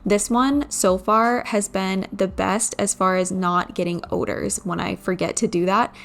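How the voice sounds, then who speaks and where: A woman's voice: medium pitch, fairly even intonation, measured pace, vocal fry. A woman in her thirties talking candidly about home cleaning in a casual vlog voice-over, a little weary.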